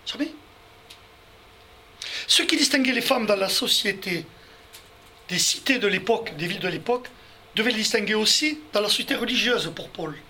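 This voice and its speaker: A man's voice: high voice, expressive, brisk, bright, forceful tone, slight background noise. A man leading a Bible study, explaining verses step by step and speaking directly to his listeners. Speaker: Bible teacher. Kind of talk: Bible study teaching to a group.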